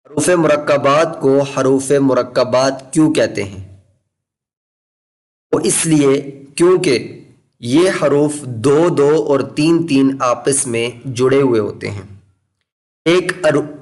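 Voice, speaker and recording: Patient, deliberate male Quran teacher. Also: mid-range voice. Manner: patient, deliberate explanations, repeating key points; slowly draws out letter names when demonstrating. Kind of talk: step-by-step recorded lesson.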